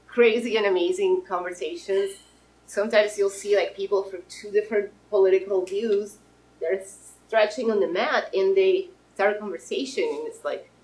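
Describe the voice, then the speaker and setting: There's slight background noise and the audio is poor. A thirtysomething woman from Russia, speaking in a mid-range voice, presents her fitness business to a live audience in a friendly, informal pitch peppered with fillers and restarts.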